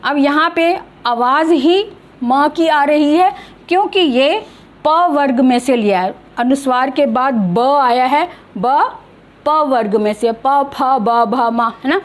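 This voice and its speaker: A high-pitched woman who speaks slowly while teaching a grammar lesson online. She is middle-aged and patient, and she stretches out each example word so it can be heard clearly. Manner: slow, patient, drawing out example words.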